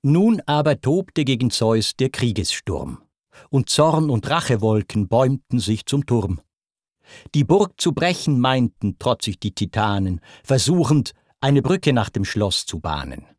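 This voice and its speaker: Male narrator for epic verse; declamatory and rhythmic, unhurried, dry close sound. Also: medium pitch, very animated, no room sound. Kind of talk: dramatic verse recitation.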